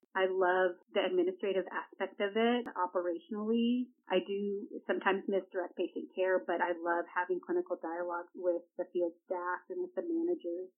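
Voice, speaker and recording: An earnest woman in her thirties, a healthcare director reflecting on her path. Her voice sits a little low and comes through a thin, tinny phone-like line. She speaks with frequent fillers. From El Salvador. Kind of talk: conversational interview.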